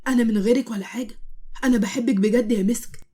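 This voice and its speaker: A woman with an Egyptian accent voicing a remorseful young husband who pleads softly and earnestly. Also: fairly high pitch, fairly even intonation, racing, slight background noise, natural voice. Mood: pleading. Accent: Egyptian Arabic.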